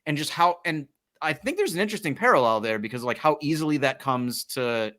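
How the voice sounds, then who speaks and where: A man's voice: a little high, big pitch swings, fairly quick, fairly bright tone. A man co-hosting a casual film podcast, talking loosely and filling his thoughts with "like" and "um". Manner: rambling, many likes and ums. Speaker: podcast co-host.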